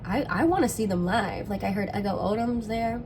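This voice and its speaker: A young woman speaks at a middling pitch with vocal fry and a sore throat. Her delivery is casual and slangy, full of "like", as in a personal vlog. Clear ambient noise sits behind her voice. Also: moderate pace. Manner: informal, slangy, frequent "like". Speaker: vlogger, musician and sketch writing student.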